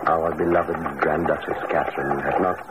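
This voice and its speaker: A courtly imperial envoy in a radio drama, with a very low voice. He speaks in a formal, measured way, grave and discreet, through heavy broadcast noise. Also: flat delivery. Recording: very noisy old radio broadcast.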